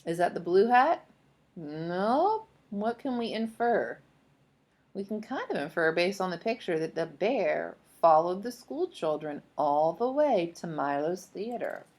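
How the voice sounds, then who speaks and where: A woman speech-language teacher leads a children's read-aloud lesson in a fairly low, sing-song, slightly mellow voice. She takes her time, explaining encouragingly and asking guiding questions.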